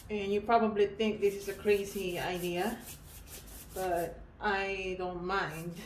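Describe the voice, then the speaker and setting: A woman giving a casual painting tutorial, thinking aloud in short, halting phrases as she works. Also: medium pitch, little pitch movement, a little hiss or hum. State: breathing heavily. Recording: echoey room with faint ambience.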